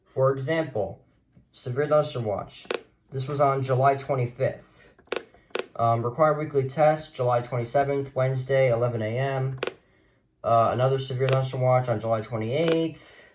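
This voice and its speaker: Over a noisy background, a man of medium pitch talks at a moderate pace. He rambles hesitantly through a casual hands-on show-and-tell of his radio collection, filmed on a handheld phone camera.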